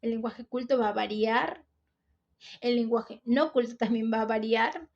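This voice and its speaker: A woman's voice: on the high side, a little slow, darkish tone, highs cut off. A teenage girl with a Peruvian coastal accent, explaining a school topic step by step in a video. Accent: Peruvian coastal Spanish. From Peru. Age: teens. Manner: explains step by step, often says "entonces". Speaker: student presenter.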